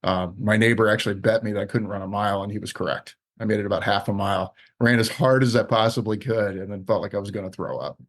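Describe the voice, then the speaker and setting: A low-voiced co-host talks fast and tells short, wry stories about his own running. He keeps the chat casual. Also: fairly even intonation. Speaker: podcast co-host.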